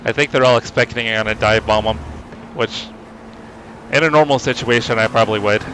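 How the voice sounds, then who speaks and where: A man with a mid-pitched voice chats casually on a sim racing livestream. He drops asides to himself between remarks to viewers, with clear car engine noise running behind him. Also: brisk, sharp tone, low-quality recording.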